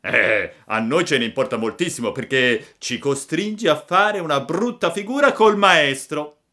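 A man's voice: a little high, expressive, moderate pace, pushed and bright, voice pushed up. A man voicing a gang of bullying schoolboys in a storybook reading, taunting and threatening.

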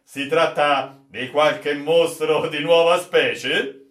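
A man voicing a boisterous, jovial ship captain who teases with loud exclamations, recorded in a roomy, echoey space. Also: fairly high pitch, fairly even intonation, takes it slowly, distant mic, voice pushed up. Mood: teasing. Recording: roomy echo.

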